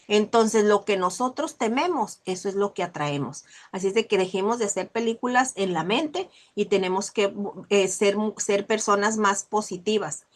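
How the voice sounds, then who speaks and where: A woman hosting a casual motivational book talk, animated, often acting out the people she describes. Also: mid-range voice, normal speed. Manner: animated, acts out scolding mothers. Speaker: host of a book discussion.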